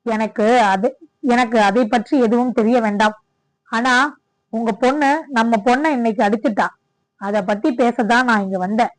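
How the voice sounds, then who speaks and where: A woman playing sharp-tongued scheming mother. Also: dry recording, lightly acted, rough recording. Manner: shrill, scolding.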